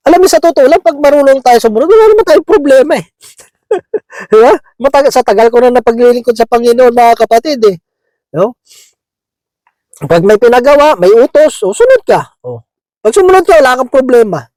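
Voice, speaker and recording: A man's voice: very high voice, a little mellow, no echo, poor audio. A man preaching a conversational sermon, chuckling often and checking in with his listeners, slipping English words into his talk. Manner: chatty, keeps asking "di ba?", chuckles often.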